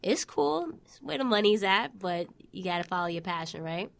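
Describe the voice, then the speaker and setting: A woman's voice: medium pitch, expressive, moderate pace, creaky. A woman in her twenties with a Queens, New York accent, co-hosting a talk show in casual chat. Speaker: co-host of a wrestling talk show.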